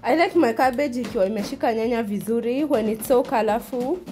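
A woman's voice: on the high side, quick pace, poor audio. A Kenyan woman with a Kenyan accent chatting casually to viewers as she cooks in her home kitchen, mixing in Swahili phrases. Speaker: cooking vlogger. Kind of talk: casual cooking demonstration. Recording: loud music under voice.

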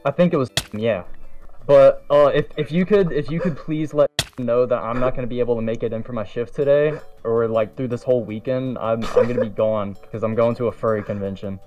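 A man's voice: mid-range voice, a little fast. A man making casual prank calls as a co-host, speaking in a hesitant, apologetic put-on manner from a room at home. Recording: distant, dull mic, faint music.

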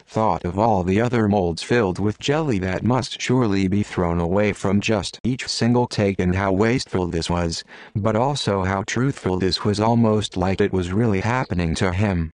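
Male audiobook narrator, lowish voice, deadpan delivery, dry close sound. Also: moderate pace, no echo.

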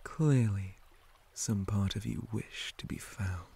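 Speaking in a full character voice on the low side, a man portrays a possessive, menacing male spider monster in an ASMR roleplay. The speech is slow, formal and softly taunting, breathy with frequent whispers, and he sounds calmly menacing.

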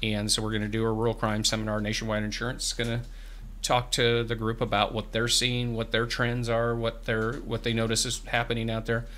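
Sitting as a guest in a small radio studio, this farm bureau representative, a man in his fifties, talks through programs earnestly, often starting his sentences over. The pitch is fairly low and monotone, the pace a little fast, the tone sharp. A studio mic on a boom arm picks him up, and he has headphones on.

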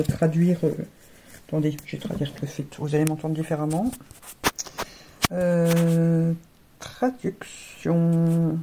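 Chatty woman vlogger with a dark voice. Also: sits low, vocal fry, a little hiss or hum. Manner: chatty, stumbles and repeats words. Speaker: beauty vlogger. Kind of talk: casual chat unboxing advent calendars.

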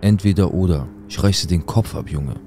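A man's voice: deep voice, a little fast, warm tone, slight background noise, close to an everyday voice. A man voicing a menacing skinhead thug. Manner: threatening, coarse street talk. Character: menacing hulking young skinhead man, threatening.

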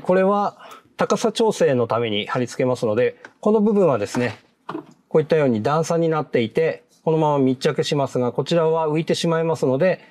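A man giving a polite, measured, step-by-step how-to narration on fitting car parts, marking each step with a short "hai". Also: fairly high pitch, darkish tone. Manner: polite, measured, repeats "hai" between steps. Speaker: product installation instructor.

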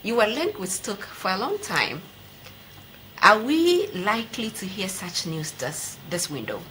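Seated at a TV studio desk, a Ghanaian-accented sports presenter in her thirties hosts a televised interview. This time her voice is medium-pitched, sing-song and unhurried, with a sharp tone, and the recording is audibly noisy.

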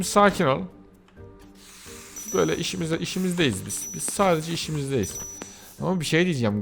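A young man giving casual commentary on a game he plays, excitable and often breaking into shrieking outbursts. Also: on the high side. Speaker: gaming YouTuber. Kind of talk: casual Let's Play commentary.

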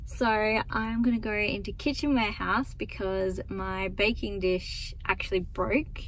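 A woman's voice: medium pitch, a little slow, a little hiss or hum, poor audio. Chatty woman vlogging to camera. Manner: chatty and relaxed, talks straight to viewers. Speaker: lifestyle vlogger. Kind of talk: casual vlog chat to camera. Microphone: handheld camera at arm's length.

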